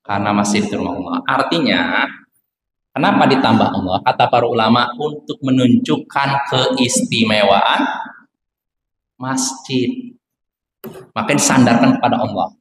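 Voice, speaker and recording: A man's voice: medium pitch, moderate pace, long pauses. Man teaching in an echoey mosque hall. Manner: keeps quizzing listeners with rhetorical questions. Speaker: Islamic teacher. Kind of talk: religious lesson to children. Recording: echoey hall with faint ambient noise.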